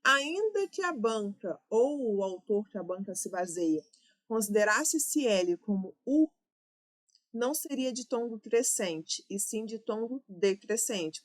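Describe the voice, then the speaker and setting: A woman with a Brazilian Portuguese accent teaching an exam-prep grammar lesson, explaining step by step and correcting herself as she goes. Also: medium pitch.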